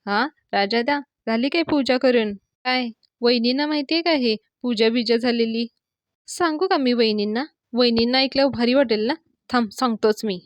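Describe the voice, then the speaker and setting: A woman's voice: a little high, normal speed, no echo, lightly acted. Playful teasing young guy, a lady reading his lines, dry close sound. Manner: chatty, teasing.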